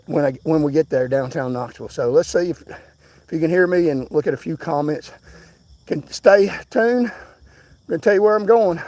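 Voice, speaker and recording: A man's voice: a little high, a little mellow. A man, out of breath from jogging outdoors, insistently preaching to viewers on a livestream. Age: 60s. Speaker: livestream host. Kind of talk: livestream commentary. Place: outdoors, on foot.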